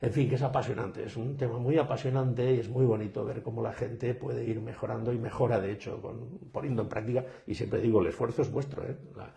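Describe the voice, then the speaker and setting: Man, speaking coach, lively storyteller, dark gravelly voice, video call. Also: mid-range voice, a little fast, few pauses. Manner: animated storyteller, acts out quoted students. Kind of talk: interview answers.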